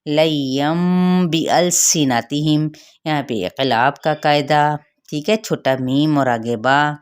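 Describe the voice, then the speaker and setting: Woman Quran teacher, Pakistani Urdu accent, clear smooth voice, careful word-by-word tajweed lesson. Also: sits low. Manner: slow, drawn-out sounding of each word, then quick explanations.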